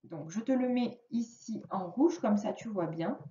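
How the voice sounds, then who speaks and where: A woman teaching a young child to read in a remote lesson, giving patient, clearly articulated instructions. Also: mid-range voice, a little slow, warm tone, a little hiss or hum. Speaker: primary school teacher. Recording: roomy, distant, dull lo-fi sound.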